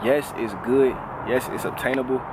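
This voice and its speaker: A man of twenty talking casually and reflectively as a vlogger, relaxed and full of fillers. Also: medium pitch, moderate pace, very noisy. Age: 20s. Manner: relaxed, conversational, lots of "like" fillers.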